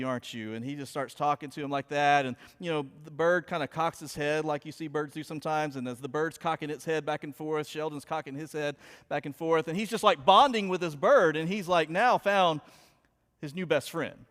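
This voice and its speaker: Storytelling pastor in a reverberant church. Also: male voice, a little high, a little fast. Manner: chatty storytelling, animated retelling. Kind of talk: sermon. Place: church sanctuary. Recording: long hall reverb.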